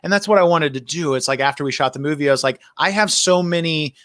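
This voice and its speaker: Talking very fast in a mid-range, fairly bright voice, a man hosting a livestream as the filmmaker rambles casually, full of fillers and restarts. The studio sound is clean, with no echo.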